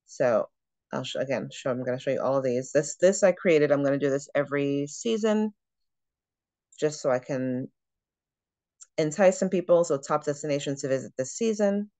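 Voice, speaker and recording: A woman who trains travel agents, giving a chatty screen-share walkthrough of software and thinking aloud as she clicks through it. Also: sits low, animated, moderate pace, no echo.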